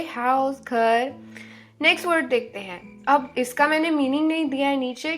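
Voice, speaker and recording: A woman giving an online language lesson, drawing out each word slowly and asking the viewers questions. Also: sits high, a bit bright. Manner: slow, drawn-out spelling of each word; encouraging, asks questions to viewers. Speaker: language teacher.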